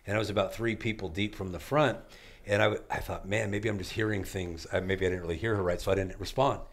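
A man's voice: sits low, fast. Fired-up motivational speaker, a man. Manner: energetic, preacher-like delivery with punchy repetition. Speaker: author and life coach guest. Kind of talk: motivational interview talk.

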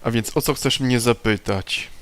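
A man reading the lines of a prim middle-aged woman who leads a temperance union, a little higher and louder than his own voice. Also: moderate pace, lightly acted. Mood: indignant. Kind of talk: reading game dialogue aloud.

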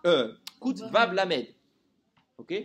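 Male Torah teacher addressing a live group, somewhat high-pitched, very expressive delivery, constantly quizzing his listeners. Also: extremely slow, slightly rough. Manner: animated, quizzes listeners with rhetorical questions.

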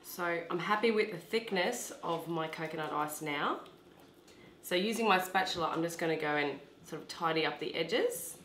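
A woman's voice: on the low side, normal speed, fairly bright tone, reverberant, a little hiss or hum. A woman, hosting a cooking demonstration in her home kitchen and explaining each step in a chatty, instructive way. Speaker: cooking show host.

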